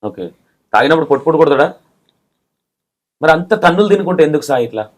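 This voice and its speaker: A man's voice: fairly high pitch, expressive, fast talker. A man, bluntly pressing and scolding his interview guest with pointed questions. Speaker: interview anchor.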